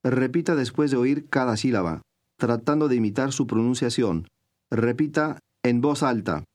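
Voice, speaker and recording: A man giving scripted instructions in a recorded language course, speaking in a clear, measured teacher's manner. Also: medium pitch, expressive, darkish tone.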